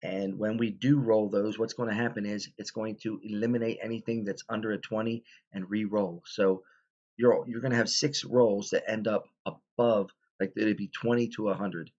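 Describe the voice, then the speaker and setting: Tired deep-voiced man rambling through a tutorial. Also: steady tone, moderate pace, darkish tone, lo-fi sound. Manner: rambling, many ums and restarts. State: tired, stifling yawns. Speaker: tabletop game tutorial host. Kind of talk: casual explanatory tutorial.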